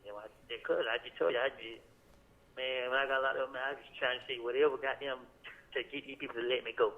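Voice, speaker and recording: A man's voice: mid-range voice, steady tone, fast talker, slight background noise. A man talking casually and cursing on a prison phone call, rambling and hesitant. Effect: on a prison phone line. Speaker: jail inmate on a call. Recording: muffled phone call recording.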